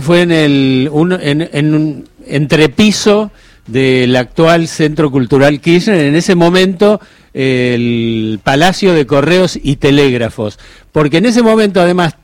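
A man's voice: a little high, dry recording. Informative Argentine man co-hosting radio. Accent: Argentine Spanish. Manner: informative, adds historical detail. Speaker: radio co-host. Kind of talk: casual on-air radio chat. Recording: dry close-miked studio sound.

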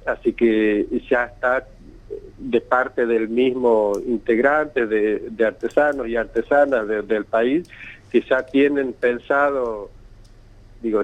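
A man from Santiago del Estero, Argentina, with a local accent, speaking as an event organizer in a radio interview over a bad phone connection, hesitant and repeating words often. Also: mid-range voice. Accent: Santiago del Estero Argentine Spanish. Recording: tinny, choppy phone line.

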